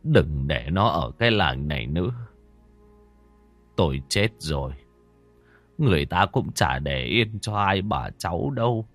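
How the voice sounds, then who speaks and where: A man voicing a dying, beaten father who speaks weakly and haltingly, pleading. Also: on the low side, sing-song, fairly bright tone, soft background music, exaggerated voice. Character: dying battered middle-aged father, gasping. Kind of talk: audiobook character voice.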